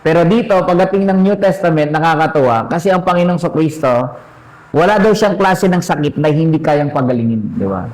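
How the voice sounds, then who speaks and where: A man's voice: a little high, lively intonation, brisk, a little mellow, poor audio. A man preaching a sermon in a conversational teaching manner, often asking the listeners questions.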